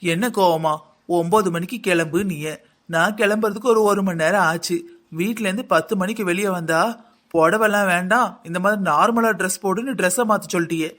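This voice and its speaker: A performer voicing a grumbling young village daughter-in-law in a cartoon, with a southern Tamil Nadu accent and a deep, almost mannish voice. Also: fairly quick, fairly bright tone, lightly acted. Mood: annoyed. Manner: sarcastic, complaining. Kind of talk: village comedy cartoon dub.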